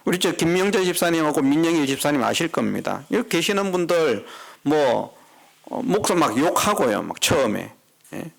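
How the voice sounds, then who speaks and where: A man's voice: a little high, big pitch swings, normal speed, vocal fry. A middle-aged man preaching a sermon as pastor in a church, talking conversationally and putting questions to the congregation. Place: church sanctuary.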